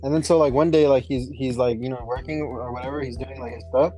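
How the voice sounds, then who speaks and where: A man's voice: medium pitch, steady tone, quick pace, dark tone, soft background music, low-quality recording. A young man casually retelling a story to friends, rambling with many fillers. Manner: rambling, lots of "like" and "you know". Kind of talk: casual chat.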